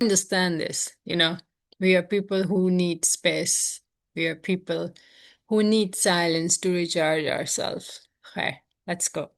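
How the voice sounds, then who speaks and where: A woman, hosting in a reflective, personal way and mixing two languages. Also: medium pitch. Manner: code-switches between English and Urdu-Hindi. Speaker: host. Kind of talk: casual chat and slow, reflective reading aloud.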